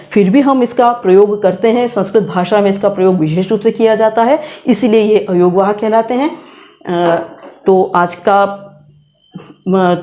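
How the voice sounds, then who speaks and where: Speaking in a medium-pitched, dark voice, a middle-aged woman gives a classroom grammar lesson. She patiently walks through pronunciation, saying sounds aloud repeatedly to demonstrate them.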